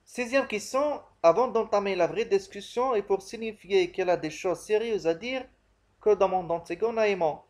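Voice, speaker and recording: A man with a slightly high voice gives a literature lesson. He explains in a didactic manner, posing questions and answering them himself. He often repeats key phrases to make them clear. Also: normal speed, a little mellow. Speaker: literature teacher.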